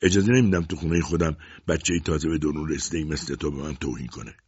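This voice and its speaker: A man voicing a strong, stingy, greedy middle-aged mother who scolds and shouts at her daughter in a storybook reading. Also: extremely low pitch, husky, no room sound. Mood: scolding. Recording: dull dry lo-fi audiobook recording.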